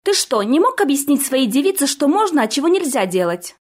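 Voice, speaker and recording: A woman voicing a sarcastic woman bard who scolds and gives orders in an audiobook, her voice raised and loud. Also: fairly high pitch, sing-song, fairly quick, voice pushed up. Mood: scolding. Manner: sharp, commanding.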